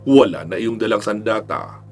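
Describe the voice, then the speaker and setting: A man narrating an action-filled serialized story in a steady, even storytelling delivery. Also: on the low side, normal speed. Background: faint background music.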